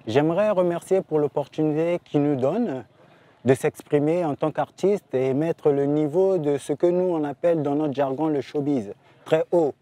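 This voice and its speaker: A man from the Republic of the Congo, a music artist giving an earnest, reflective and deliberate interview statement. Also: on the high side, warm tone, dry recording.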